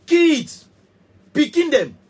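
A man in his thirties with a Cameroonian Pidgin English accent, a musician, rants heatedly straight to camera from a small studio. His voice is very high, sing-song, a little mellow, and extremely slow, and he is passionate and emphatic, repeating himself and gesturing.

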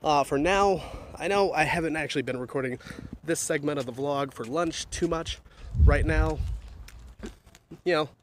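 Young guy rambling into his phone, kinda high voice, swears a bunch, bit of faint noise behind. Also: moderate pace, pauses often. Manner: rambling, swears often, repeats "definitely". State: out of breath on stairs. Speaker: vlogger. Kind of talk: casual vlog chat. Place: office building and stairwell, indoors.

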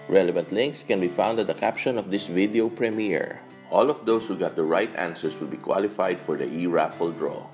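A man reads contest rules in a clear, scripted way. His voice sits a little low, with soft music underneath. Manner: clear, instructive. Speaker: announcer. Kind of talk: scripted announcement.

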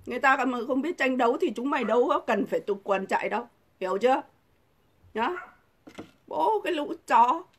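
Middle-aged woman vlogger, fairly high voice, combative and scornful, hurls rhetorical questions. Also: quick pace, a little hiss or hum. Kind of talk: angry political rant to camera.

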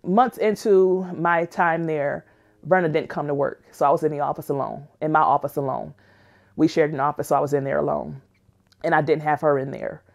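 A woman's voice: deep voice, fairly even intonation, a little fast, gravelly. A woman narrating her own life story as a personal testimony, earnest and emotional in a plainspoken way. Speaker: memoir narrator.

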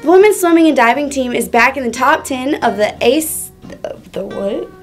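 A woman's voice: sits high, animated, normal speed, faint music behind. A young woman reading student sports news, exasperated each time she slips on a word. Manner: exasperated at her own slips. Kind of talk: news-desk reading with bloopers.

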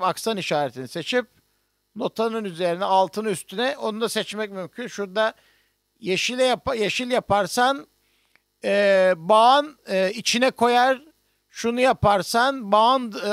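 A man with a fairly high voice teaches music notation online, walking through each step as he works on screen. He hesitates often with drawn-out fillers. The sound is dry and close, with no room echo. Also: creaky. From Turkey. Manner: explains step by step while working on screen, with many hesitations. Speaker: music professor.

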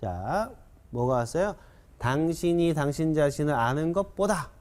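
A man teaching an English writing lesson, quizzing viewers with questions and leading slow repetition drills. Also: fairly high pitch. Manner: animated, coaxing, keeps asking students questions; repeats drills slowly, counts learners in. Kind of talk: classroom-style video lecture.

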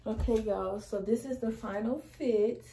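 Chatting through a try-on haul in her small bedroom, this young woman fashion vlogger is full of sass and slang. Her voice is on the high side and mellow, with a measured pace, captured poorly by a camera across the room.

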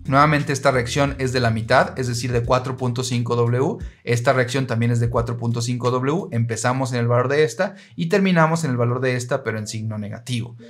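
A man's voice: mid-range voice, brisk, few pauses. Patient male engineering teacher, music behind. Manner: patient, steady, addresses listener directly. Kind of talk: explaining structural diagrams.

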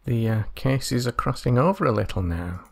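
A man's voice: medium pitch, lively intonation, moderate pace, vocal fry, slight background noise. A man giving casual gameplay commentary as he plays through a video game. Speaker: gamer, let's play commentator.

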